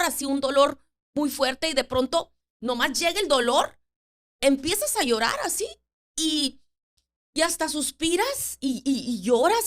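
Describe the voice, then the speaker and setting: A woman speaks in a high voice on her own podcast. She talks earnestly and reflectively, restarting phrases and repeating words as she works through her thoughts. She sounds middle-aged. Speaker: podcast host. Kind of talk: reflective solo podcast talk on grief.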